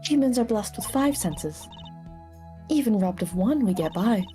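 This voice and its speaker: A woman voicing a poised, solemn lady in a video game, speaking formally and in a measured way. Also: mid-range voice, animated, mellow, close to an everyday voice. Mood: serene. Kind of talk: video game dub reading. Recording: music under the voice.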